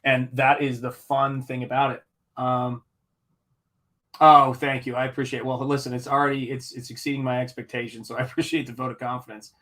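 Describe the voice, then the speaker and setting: This middle-aged American artist talks a little fast in a flat, medium-pitched voice that sounds pushed and bright. He chats loosely while painting for his live stream. His humor is self-deprecating and rambling.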